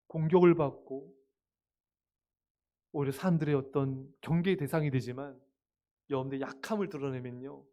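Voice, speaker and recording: High-voiced pastor chatting with teens. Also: male voice. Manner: lively and chatty, asks the young listeners questions; acts out short voices in passing. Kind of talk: sermon to youth. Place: church service.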